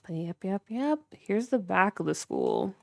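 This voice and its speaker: A young woman livestreams a chatty, filler-packed tour of her game build while talking with viewers. Her medium-pitched voice swoops wildly, a bit slow, creaky, and slightly mellow, captured in clean studio sound without echo.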